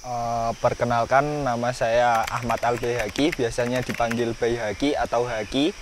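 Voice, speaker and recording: A man from Indonesia who runs coffee processing explains the harvest step by step in a documentary interview. He pauses on small fillers as he goes. His voice sits at a middle pitch, with faint ambient noise behind him. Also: fairly even intonation. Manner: explanatory, with frequent hesitation fillers.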